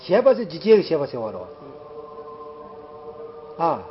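A man's voice: a little high, huge pitch swings, moderate pace, faint music behind. A man in casual chat, rambling and repetitive, full of fillers, on a dull lo-fi recording.

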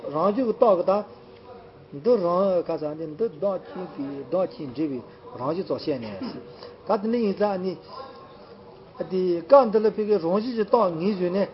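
In a casual chat, a high-pitched man rambles, repeatedly circling back over the same phrases and using many fillers. The audio is dull and lo-fi, like an old home recording.

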